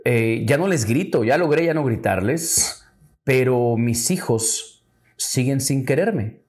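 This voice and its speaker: A man's voice: mid-range voice, expressive, takes it slowly, darkish tone. A man doing a frustrated, pleading father. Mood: dejected. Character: frustrated middle-aged father pleading for help.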